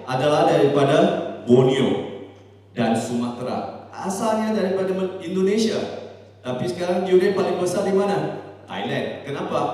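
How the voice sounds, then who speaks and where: A man's voice: on the high side, darkish tone. A man with a Malaysian accent gives a seminar talk, moving between Malay, Indonesian and English and dropping "ya" after his points. He sounds set back from the microphone. The hall around him rings with a long, heavy echo. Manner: mixes Malay, Indonesian and English, frequent "ya" tags. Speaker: seminar speaker. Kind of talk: conference presentation. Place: large hall. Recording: echoey hall from far off.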